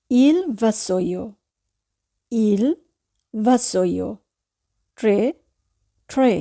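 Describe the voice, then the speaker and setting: A woman's voice: medium pitch, creaky, mellow. A woman with a Bangladeshi Bengali accent teaching vocabulary, saying each word twice and then translating it. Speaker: language teacher. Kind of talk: slow vocabulary lesson.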